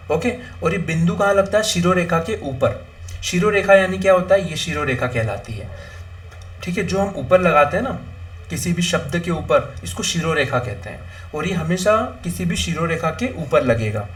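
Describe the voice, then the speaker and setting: Young male tutor, slightly high voice, repetitive question-and-answer exam-prep teaching, mixes in English. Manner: repetitive, asks and answers his own questions; mixes English words into Hindi. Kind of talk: exam-prep lesson on Hindi grammar.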